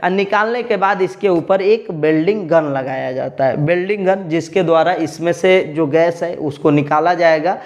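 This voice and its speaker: A man's voice: on the high side, moderate pace, hardly any pauses, dull audio. Man teaching AC pipe welding. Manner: explanatory, speaks directly to students. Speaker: AC repair instructor. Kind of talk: tutorial lesson.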